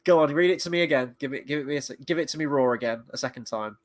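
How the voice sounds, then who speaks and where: A man co-hosting a casual podcast chat, guessing quotes in an animated, jokey way. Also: medium pitch, rapid-fire, dry recording. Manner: animated, jokey, slips into mock voices.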